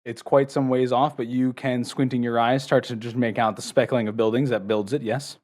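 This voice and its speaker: A man narrating as game master of a tabletop game, describing scenes with frequent pauses. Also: medium pitch, fairly even intonation, a little mellow.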